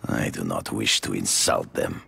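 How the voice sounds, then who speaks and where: A man playing a grandiose, theatrical big-game hunter in a video game, with a hammy stage-actor delivery and a gravelly, husky voice. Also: rumbling low, steady tone, normal speed, pushed and bright, full character voice. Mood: stern, righteous. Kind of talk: video game character acting.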